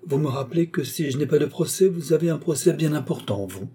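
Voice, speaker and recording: Man doing a bright flirty countess talking up the king, pitched higher, husky underneath. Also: expressive, brisk. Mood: brisk.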